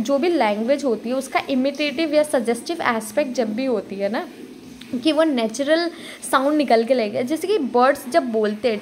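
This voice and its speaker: A woman with a high voice explains poetry sound patterns as an exam tutor. Her talk is loose and chatty, full of repeated "okay"s, with English terms dropped into Hindi. A faint hiss of background noise sits under the voice. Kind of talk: casual explanatory lecture.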